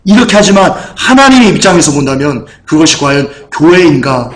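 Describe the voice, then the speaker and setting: Fervent high-voiced male preacher, echoey hall. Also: very animated, fairly quick. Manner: fervent, repetitive preaching that swings to shouted proclamations. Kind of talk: sermon.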